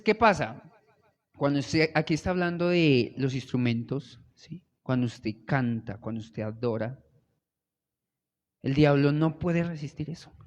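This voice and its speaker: A man's voice: mid-range voice, dull audio. A young Colombian man with a Colombian Spanish accent preaching a sermon in a church, talking conversationally and often checking in with the congregation. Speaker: church worship leader preaching. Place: church sanctuary. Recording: long hall reverb of a church.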